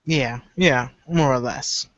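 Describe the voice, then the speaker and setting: A man's voice: mid-range voice, takes it slowly, a bit bright, no room sound, dull audio. A man hosting a casual live stream, talking in a laid-back, dry way. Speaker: stream host. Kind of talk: casual chat.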